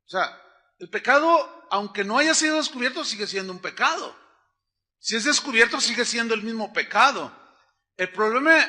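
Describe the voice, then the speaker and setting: A man delivers a lively sermon in a high, very bright voice. He acts out little everyday scenes and swings between loud, emphatic lines and quiet, low asides. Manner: animated preaching, acts out little dialogues, swings from loud to hushed. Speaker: pastor.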